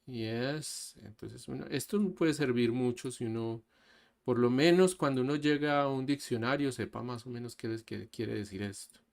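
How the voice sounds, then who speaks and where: A man teaching an online English class, explaining slowly and mixing Spanish with English. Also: medium pitch, vocal fry. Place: online class over a video call. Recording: faint background music. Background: soft background music.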